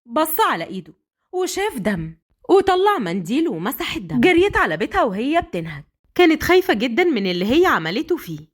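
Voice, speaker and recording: Egyptian lady telling a story, lively and up-and-down. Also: high-pitched, fast. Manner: lively, dramatic. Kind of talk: dramatic story narration.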